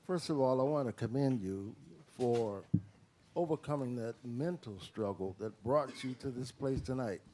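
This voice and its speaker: A man speaking as a reporter at a press conference, formal and respectful, with deliberate phrasing. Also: medium pitch, dark tone, slight background noise. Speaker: reporter asking a question.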